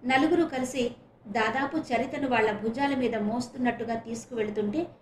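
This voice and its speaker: A woman narrates a serial novel in an expressive storytelling voice. Her tone is fairly high, and the room gives it a noticeable echo. A faint hiss hangs under the home-made recording. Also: fairly quick. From Visakhapatnam, India. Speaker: audiobook narrator. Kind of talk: reading a serial novel aloud.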